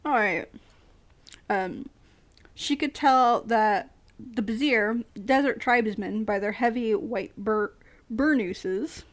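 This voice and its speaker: A woman's voice: fairly high pitch, takes it slowly, dry recording. An American woman reading a novel aloud on a live stream, often stumbling over words, laughing and breaking off to chat. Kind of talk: casual read-aloud with chat. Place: home streaming setup.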